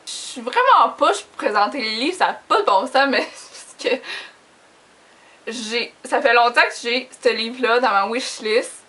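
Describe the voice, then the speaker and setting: Talking a little slowly, this young woman has a fairly high voice that's pushed and bright, plus a Quebec French accent. As a book vlogger, she chats to camera informally, giggly and quick to put herself down.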